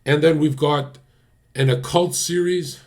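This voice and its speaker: This livestream host is a man with a fairly high, steady, slightly creaky voice who talks a little slowly. He speaks bluntly and straight to his chat in a casual stream, swearing often.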